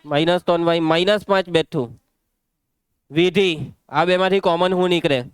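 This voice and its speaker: A young man with a Gujarati accent leads a maths class in a brisk, commanding way, questioning pupils by name and hushing them when they chatter. His voice sits high and stays smooth and clear. The recording is dry and close, with no room echo. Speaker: maths teacher. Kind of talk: live classroom lesson.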